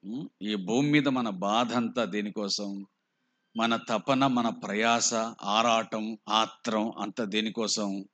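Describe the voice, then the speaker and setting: A man with a Telugu accent, preaching a slow, emphatic sermon full of rhetorical questions. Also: on the low side, fairly even intonation, fairly bright tone. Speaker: pastor.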